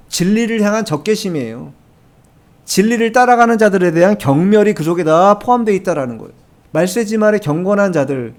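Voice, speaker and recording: A man's voice: sits high, darkish tone. A male pastor preaching a Sunday sermon in church, emphatic, posing rhetorical questions to the congregation and repeating key phrases. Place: church sanctuary.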